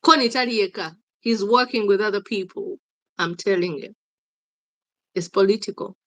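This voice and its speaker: A woman's voice: medium pitch, moderate pace, a bit bright, no room sound, dull audio. A Ugandan woman speaking as an interview guest, emphatic and insistent, repeating her points. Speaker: guest, activist. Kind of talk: interview, mixing English and Luganda.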